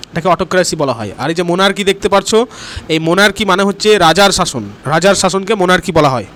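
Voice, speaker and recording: High-voiced male teacher. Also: a bit bright, a little hiss or hum. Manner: explains terms patiently, often checks in with 'right?'; reads English questions out slowly and carefully. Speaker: exam prep teacher. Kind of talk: live online exam-prep lesson.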